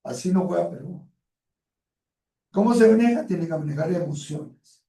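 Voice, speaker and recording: A man teaches a university class over a video call. His voice is somewhat high but dark and gravelly, and it sounds set back from the mic in an echoey room. He stretches out words for emphasis, fills pauses with "eh" and talks to his students in a casual, direct way. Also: expressive, recorded from a distance. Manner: drawn-out emphatic delivery with many fillers; colloquial, addresses students directly. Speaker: university lecturer. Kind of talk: online class lecture.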